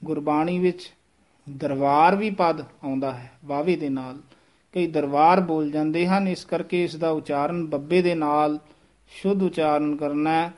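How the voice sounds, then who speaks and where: A man teaching the correct pronunciation of recited verse, repeating each phrase slowly and carefully. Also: a little high, steady tone, darkish tone. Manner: slow, careful, repeats each line syllable by syllable.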